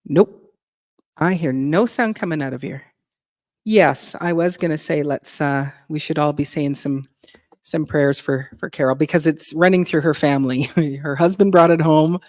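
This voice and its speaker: A woman with a low, darkish voice hosts a casual livestream, chatting with viewers and a guest. She laughs often and fills her speech with ums and restarts. The recording is dry and studio quality.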